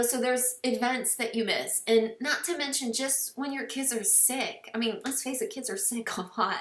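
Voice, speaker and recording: A fitness business team coach, a woman in her thirties or forties, speaks to camera in a casual recruiting talk that's earnest and encouraging, with lots of fillers and occasional tears. Her voice is a little high and a bit bright, with roomy sound recorded from a distance.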